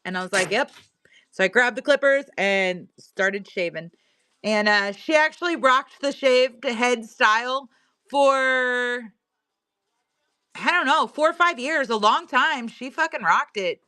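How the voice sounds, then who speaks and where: A woman's voice: a little high, measured pace, pushed and bright, dry recording, clean studio sound. A middle-aged woman with a Missouri accent, casually telling a rambling story while selling items on a livestream. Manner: chatty, rambling, reads viewer comments aloud. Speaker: livestream seller.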